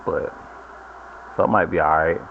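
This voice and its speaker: A man's voice: low voice, steady tone, normal speed, gravelly. A man giving casual, rambling commentary while he plays a video game. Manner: rambling, self-correcting storyteller. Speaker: gaming channel host. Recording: lo-fi phone-like audio with noise.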